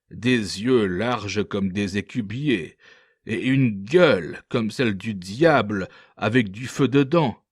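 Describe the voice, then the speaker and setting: A man's voice: medium pitch, breathy edge, dry recording, clean studio sound. A man voicing a boastful, scornful male ship's interpreter telling a mocking tale in a storybook reading. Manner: lively mocking anecdote-telling.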